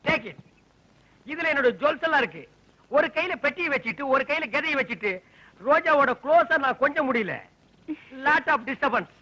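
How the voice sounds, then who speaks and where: A man's voice: very high voice, moderate pace, long pauses, bright, forceful tone, muffled recording. An actor playing a vain, showy man in a comedy film scene, tossing English phrases into his talk. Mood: boastful. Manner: mixes English phrases, boastful teasing.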